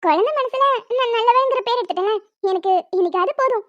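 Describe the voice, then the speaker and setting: Her voice pitched extremely high and her speech fast, a woman performs a cartoon role: a cheeky young woman in a superhero costume, coaxing and playful without a care. The lo-fi recording has no echo.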